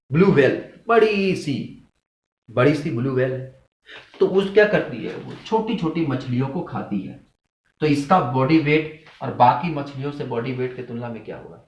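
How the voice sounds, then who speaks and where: Male teacher with a mid-range voice, quizzes his class and answers himself, recorded in a roomy echoey space. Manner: asks students questions and answers them himself; animated, rises and drops in pitch to stress points. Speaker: zoology teacher. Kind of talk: classroom lecture. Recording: echoey room.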